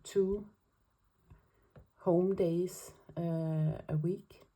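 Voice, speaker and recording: A Danish woman speaking English as a second language, with a Danish accent, chats hesitantly as she sets up her weekly planner for her vlog. Her voice is fairly low, steady and warm, with drawn-out words, and she sounds careful, using many fillers. The audio quality is poor.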